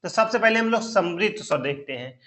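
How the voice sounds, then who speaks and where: A man's voice: high voice, expressive, a little fast, fairly bright tone. A man teaching an online Hindi grammar lesson for teaching exams, repeating each term and asking the viewer questions as he goes. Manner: repeats terms and quizzes the listener with questions. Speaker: Hindi teacher for exam preparation. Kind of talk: online exam-prep lesson.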